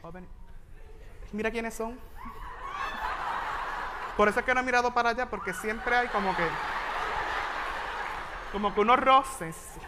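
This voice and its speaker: A man with a Puerto Rican accent, a voice teacher giving a humorous motivational talk to teachers, animated and joking with sudden loud exclamations. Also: extremely high pitch, unhurried, pauses often, background noise. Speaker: voice teacher and keynote speaker. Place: large venue with a big audience of teachers.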